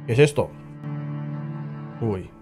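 A man's voice: mid-range voice, expressive, slow, a little mellow, faint music behind. A man with a Spain Spanish accent, playing a video game and joking and swearing as he reacts to what happens on screen. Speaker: gaming channel host. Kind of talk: casual let's-play commentary.

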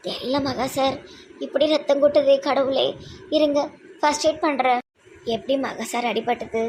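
A woman's voice: high-pitched, moderate pace, a little hiss or hum, natural voice. A woman playing a tender-hearted young clinic doctor in a comedy skit, with a Tirunelveli Tamil accent and a tearful, exclaiming manner. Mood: distressed. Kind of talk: amateur comedy skit acting.

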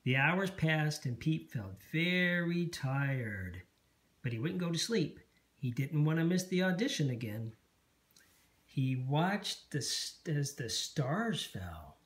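A parent reading a picture book aloud at bedtime, slow and expressive. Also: mid-range voice.

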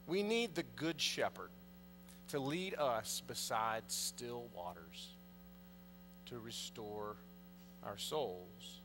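Inside a large church, a thirty-something priest preaches conversationally from the pulpit and questions his congregation, his voice mid-range and a bit bright. The recording, from a pulpit mic and a far camera, has long reverb and a faint mains hum.

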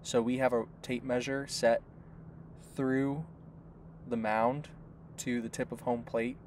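A man's voice: medium pitch, slow, slight background noise. A man giving a step-by-step instructional voice-over for a device setup tutorial. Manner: steady, step-by-step explaining. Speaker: product tutorial narrator.

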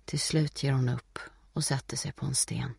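Guy narrating an audiobook, raspy gravelly voice, dry close mic. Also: medium pitch, no echo. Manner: steady, measured reading.

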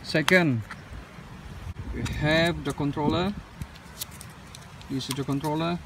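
Outdoors on pavement, a drone reviewer from Malaysia unboxes a drone, speaking casually and haltingly with frequent "uh"s and non-standard English grammar in an unscripted way. His voice is on the high side with fairly even intonation. A distant mic picks up outdoor street noise.

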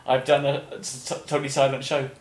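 Brisk and completely flat in delivery, this mid-range male voice belongs to a middle-aged podcast host. He casually discusses life as an entertainer in an interview-style chat, recorded in an echoing, roomy space.

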